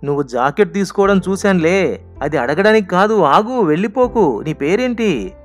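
A man's voice: sits high, lively intonation, normal speed, faint music behind, pitched above the performer's own voice. A man voicing a pushy young man who keeps coaxing and insisting.

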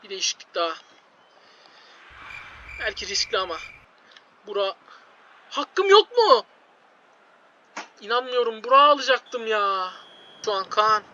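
A man giving excited, shouty commentary over his own football video game play, repeating players' names and groaning at mistakes, his voice going hoarse. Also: sits high, moderate pace, long pauses, muffled recording, slight background noise. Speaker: gaming YouTuber. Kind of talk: live gameplay commentary.

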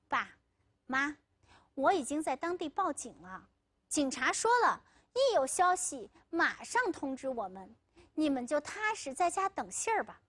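女主讲人演的自私狡猾的农村青年阿龙. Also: female voice, high voice, big pitch swings, unhurried, a bit bright, full character voice. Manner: boastful and pleading by turns. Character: young village man, scheming and self-serving.

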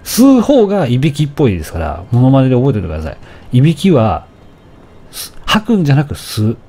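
A man giving casual, animated commentary while playing a game, often taunting enemies and shouting at the screen. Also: medium pitch, quick pace, slightly rough. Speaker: let's play commentator.

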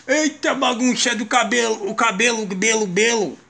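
A young Brazilian father in clown makeup, talking playfully to viewers and coaxing his small son, laughing often and jumping into high sing-song calls. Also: normal speed, pushed and bright. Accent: Brazilian Portuguese. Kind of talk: casual home video talking to viewers. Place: at home with a small child.

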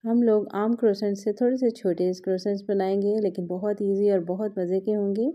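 A cooking vlog host patiently walks through a recipe step by step, working with her hands at a home kitchen counter. Her medium-pitched voice stays fairly even and moves fairly quickly, though the recording sounds muffled.

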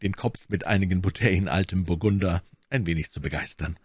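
A man's voice: low voice, a little fast, breathy edge, no echo. A man voicing a bold, bantering young musketeer. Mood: hearty. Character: eager young hot-blooded male musketeer.

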